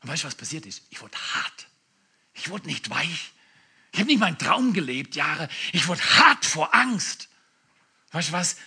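Brief: male pastor, sermon, high bright voice, emphatic storyteller. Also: moderate pace, slightly rough. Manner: animated, emphatic storytelling with asides.

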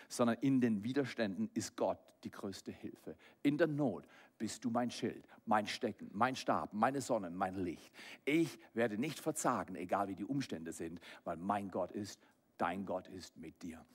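A man preaching a sermon, moving between quiet low asides and loud raised passages. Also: normal speed, breathy edge. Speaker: pastor.

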